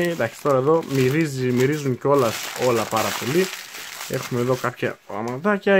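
Man, twenties, fairly high voice, casual unboxing chat, rambling, self-correcting. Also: a little hiss or hum. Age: 20s. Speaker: unboxing video host.

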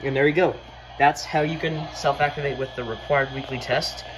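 A video creator narrates a casual, hands-on tutorial at a wooden desk indoors, thinking aloud as he demonstrates. It's recorded on a handheld phone, with background noise behind his medium-pitched, fairly even voice at normal speed.

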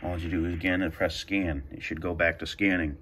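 This man's voice sits low and bit bright, with fairly even intonation and a slightly quick pace. Demonstrating a radio scanner indoors on carpet at home, he improvises the tutorial, hesitating and musing aloud as he works the buttons. Slight background noise is audible.

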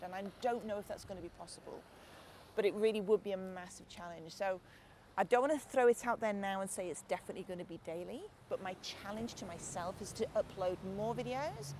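Her softened Lancashire accent and medium pitch come through as this woman in her forties, an art channel host from Lancashire, England, chats casually on a beach at sunset. She's warm and chatty, thanking viewers and calling them guys and mate. The outdoor camera audio is noisy.

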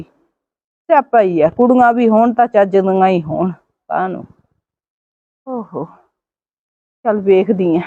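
A woman's voice: medium pitch, no echo, lightly acted. A woman playing a fussy elderly mother who complains and scolds in asides. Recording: tinny phone-like sound, very dry.

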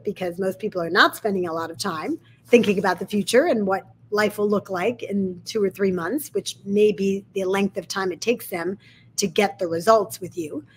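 A woman's voice: medium pitch, a little hiss or hum. A woman sales coach with a slight lisp, explaining a method step by step in an instructional video.

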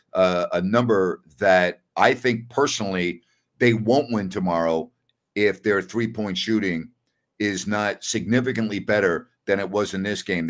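An older man hosting a postgame basketball talk show over a video call, emphatic and opinionated, repeating his key words. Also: on the low side. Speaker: sports talk host.

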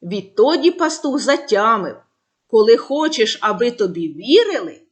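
A woman narrating a fable for children in an expressive, dramatic reading style. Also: a little high, a little slow. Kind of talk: storytelling for children.

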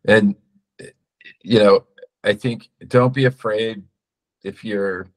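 A man speaking as a guest in a casual online chat over a video call, relaxed and full of fillers. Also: on the low side, slow pace.

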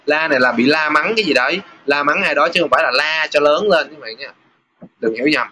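A man teaching a casual lesson over test questions, chatty, pausing with filler sounds and reading example sentences aloud slowly. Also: on the high side, bright, forceful tone, slight background noise. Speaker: Japanese teacher.

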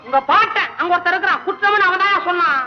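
An actor playing a poor, fretful temple poet who whines and grumbles to himself in a comic 1960s film scene. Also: male voice, extremely high pitch, quick pace, faint music behind. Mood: bickering. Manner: whiny, grumbling, talks to himself. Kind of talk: 1960s Tamil film comedy acting. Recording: muffled 1960s film soundtrack.

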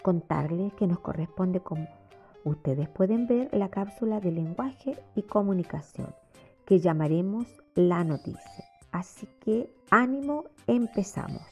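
A Chilean woman teacher narrates a recorded lesson for children, her voice gravelly and a little husky. Her pitch rises and falls in a lively way as she explains each step slowly. Soft music plays faintly underneath. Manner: slow, explanatory classroom delivery. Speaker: primary school teacher. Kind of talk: recorded remote lesson voice-over.

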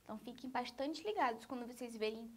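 A woman's voice: a little high, quick pace, a little mellow. A woman teaching young children in an online lesson, speaking Brazilian Portuguese in a sing-song way and often checking in with them.

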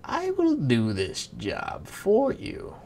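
A man voicing a sly little male imp who bargains, speaking slowly and teasingly in a bedtime story. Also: fairly high pitch, wildly swooping pitch, creaky, darkish tone, slight background noise, voice pushed up, heavily acted.

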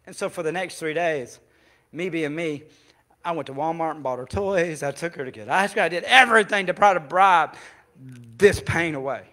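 A pastor, preaching a sermon in a church and telling a story, moving between loud preaching and hushed confession. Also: male voice, fairly high pitch, moderate pace.

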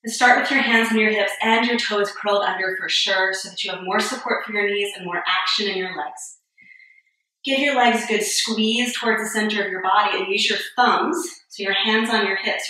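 Echoey, bright-voiced woman yoga teacher. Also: mid-range voice, normal speed. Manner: calm step-by-step cueing, a little breathless and joking. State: a bit out of breath. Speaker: yoga instructor. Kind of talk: guided yoga class. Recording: very echoey room, voice far from mic.

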